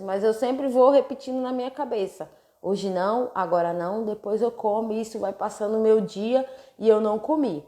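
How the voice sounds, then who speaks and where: Earnest Brazilian woman, mellow voice. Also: a little high, roomy sound. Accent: Brazilian Portuguese. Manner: earnest, keeps checking in with "entendeu?". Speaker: weight-loss coach. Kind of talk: casual live stream talk.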